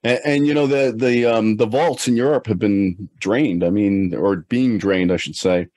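A man's voice: fairly low pitch, normal speed, a little mellow, no echo. A man co-hosting a finance podcast, chatting casually with many fillers and restarts. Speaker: podcast co-host.

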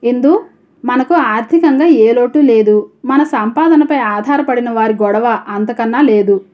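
A woman voicing a young husband who speaks in a measured, firm, reasoning way. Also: fairly high pitch, lightly acted. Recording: dull lo-fi audio.

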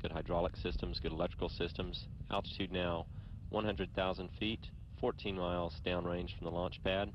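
A man giving measured, formal flight status commentary in a mission control radio manner. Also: flat delivery. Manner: measured, formal, factual reporting. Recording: muffled broadcast with loud rumbling noise.

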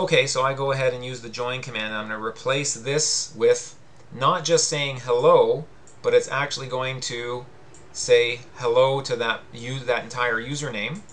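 A man's voice: mid-range voice, fairly bright tone. A male teacher talking through a coding screencast, patient and explanatory, reading out on-screen prompts as he goes.

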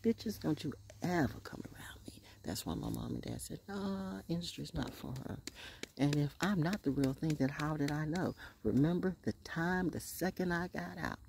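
Brash, gravelly woman in her sixties. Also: sits low, big pitch swings, normal speed, darkish tone, a little hiss or hum. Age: 60s. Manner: brash, sassy and profane, with sudden laughs and whispered asides. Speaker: vlogger. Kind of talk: rambling outdoor vlog monologue. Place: outdoors on a wooden deck in woods. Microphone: phone held close at arm's length.

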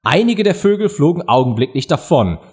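Guy reading a kids audiobook, expressive, voice goes up and down a lot. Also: on the high side, a little fast, breathy edge. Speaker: audiobook reader. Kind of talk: storybook narration.

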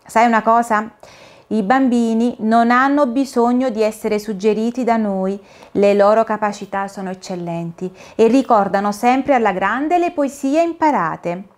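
Brief: a woman playing a tiny green caterpillar, solemn and earnest, pitched up, a bit louder than her narration. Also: normal speed, lightly acted. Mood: confiding. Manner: solemn, careful storybook voice. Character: friendly little male green caterpillar, polite and earnest.

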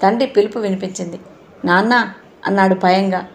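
A woman reading a novel aloud as an audiobook narrator in a steady, measured storytelling style. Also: medium pitch, gravelly.

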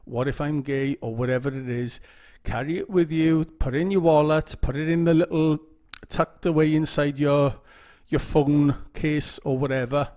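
A man's voice: a little high, fairly even intonation, normal speed, a little mellow. A man giving casual instructional talk to camera, often repeating phrases and checking in with "okay?". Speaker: YouTube OCD educator.

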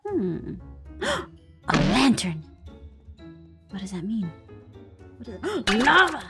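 A woman's voice: fairly high pitch, big pitch swings, slow pace, a bit bright, soft background music, exaggerated voice. A woman voicing a perky, scatterbrained young female spy in a Minecraft roleplay, exclaiming and talking to herself. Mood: worried searching.

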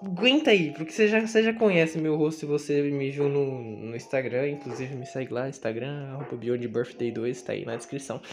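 Brisk and steady with few pauses, a young man's mid-range voice carries a Brazilian Portuguese accent as he rambles playfully and self-deprecatingly in a casual vlog. This YouTuber shoots in a small bedroom indoors with a handheld camera or phone, and the sound is noisy and full of clicks.

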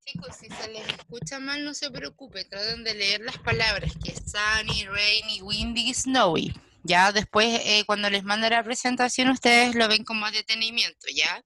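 A woman teaching an English class over a video call. She talks patiently, checks in with the children often, and slows right down to model each English word. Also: a little high, pushed and bright, slight background noise. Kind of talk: online class instruction.

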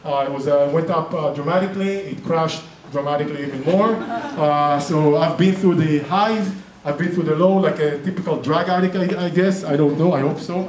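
A middle-aged Israeli man, a real estate investing presenter and group organizer, leads a casual seminar in a meeting room with a projector, chatty, interrupting himself and tossing in joking asides. His slightly high voice is captured by a distant camera, with roomy echo and faint noise.

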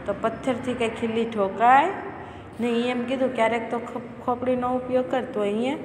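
A woman's voice: fairly high pitch, fairly even intonation, normal speed. Woman teacher explaining lessons in an echoey room. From Gujarat, India. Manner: reads lines aloud then re-explains them patiently in plain words. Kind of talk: classroom explanation. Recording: echoey room with long reverb and faint hiss.

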